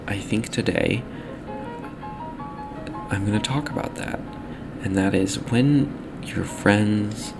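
Low-voiced with vocal fry, this young podcast host talks alone in a casual, halting way, wandering off and revising what he says. A faintly robotic, metallic tinge comes from his mic.

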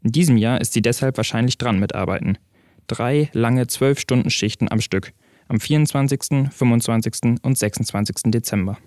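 A man tells a story in calm, even scripted narration. His voice sits in a middle range. The recording is dry and close, with no room sound. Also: mid-range voice, brisk, dry recording.

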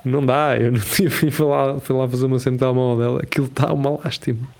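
Animated Portuguese man chatting casually. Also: medium pitch, fast talker, vocal fry. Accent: European Portuguese. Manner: animated, laughing, slangy, acts out quoted voices. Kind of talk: casual chat.

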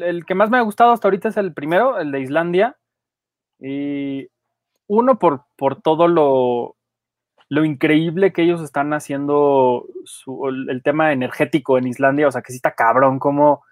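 A Mexican man with a fairly high voice, speaking with casual enthusiasm and plenty of slang. The sound is dry and close, with no room at all. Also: no echo. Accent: Mexican Spanish. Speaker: podcast co-host. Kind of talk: casual chat.

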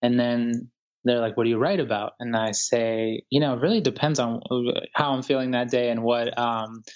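A man from Ecuador, a writer, talking calmly and thoughtfully in an interview, with many pauses and fillers. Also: medium pitch, highs cut off. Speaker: guest writer. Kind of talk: reflective interview talk.

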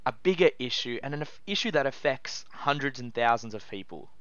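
Australian man, smooth voice, ranting podcast chat. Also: mid-range voice, expressive, fairly quick, fairly bright tone, dry recording, highs cut off. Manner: mock-outraged ranting, swearing. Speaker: podcast co-host. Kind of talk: casual chat.

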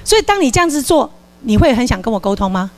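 A woman's voice: fairly high pitch, fast talker. A woman giving a live parenting lecture and acting out a scolding parent with a volunteer. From Taiwan. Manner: lively, acts out scolding parent lines. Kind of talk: live lecture with stage role-play.

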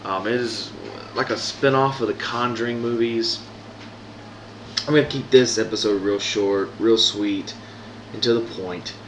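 Low-voiced man with an echoey room sound. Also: steady tone, measured pace, background noise. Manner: hesitant, many ums and restarts. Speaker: podcast host reviewing movies. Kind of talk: casual spoken movie review. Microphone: no proper microphone, built-in device mic. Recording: echoey room, voice far from mic.

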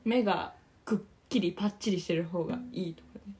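A young woman in her twenties co-hosting a casual chat, animated and laughing, mixing in English words. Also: on the low side, brisk, faint music behind. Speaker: podcast co-host.

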